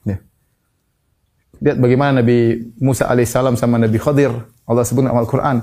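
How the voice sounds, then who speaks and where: An Islamic preacher with a voice on the high side delivers a lively teaching sermon. He acts out the people he quotes and recites Quran verses.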